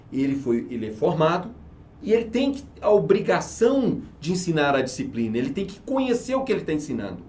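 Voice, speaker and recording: With a slightly high, mellow voice, a company manager in research and market roles describes his teaching method to an interviewer. He's emphatic and persuasive, often raising questions only to answer them.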